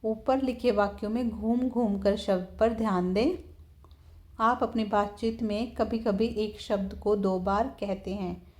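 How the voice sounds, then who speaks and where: A woman teacher, patiently explaining a textbook lesson to young children, often slowing down to repeat words. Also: mid-range voice, fairly even intonation, a little mellow. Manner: patient, repeats words slowly, keeps saying "theek hai".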